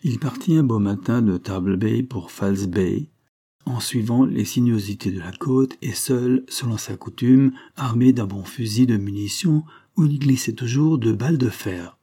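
A man narrating a story as a scripted audiobook reading, with a measured storytelling cadence. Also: mid-range voice, warm tone, slightly rough.

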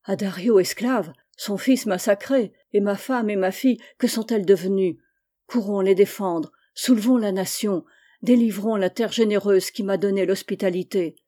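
A woman's voice: medium pitch, fairly even intonation, normal speed, dark tone, natural voice. A woman reading as René, a resolute young Frenchman. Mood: indignant. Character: young French man, despairing yet resolute.

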